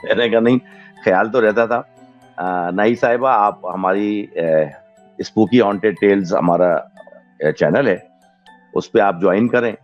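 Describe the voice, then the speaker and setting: Low-voiced man reading listener comments. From Pakistan. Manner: relaxed, chatty, mixes in English thank-yous. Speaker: podcast host. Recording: dull lo-fi recording with faint music.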